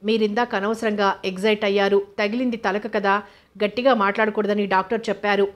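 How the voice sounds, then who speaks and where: A woman voicing a gentle hospital nurse in an audio novel, speaking softly with mild reproach. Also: mid-range voice, level tone, fairly quick, dull audio, lightly acted. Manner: soft, gently scolding. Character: gentle female hospital nurse, soft and kind.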